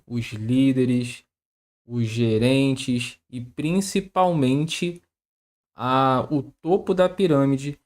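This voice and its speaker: Slow, measured live-stream co-host. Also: mid-range voice, a little mellow. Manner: measured and explanatory, ending points with "tá?". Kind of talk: explanatory live-stream talk.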